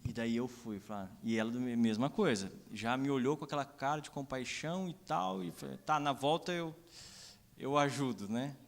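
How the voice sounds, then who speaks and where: Brazilian pastor telling stories in a reverberant church. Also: male voice, mid-range voice, normal speed, gravelly. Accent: Brazilian Portuguese. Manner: storytelling, acts out dialogue, many "né?" asides. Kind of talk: sermon with personal stories. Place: church sanctuary. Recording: long reverb of a church hall.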